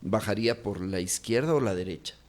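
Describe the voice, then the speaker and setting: A man's voice: lowish voice, fairly quick. A man with a Quito Ecuadorian accent, an actor chatting as an interview guest, rambling with many fillers and restarts. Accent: Quito Ecuadorian Spanish. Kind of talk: casual interview talk.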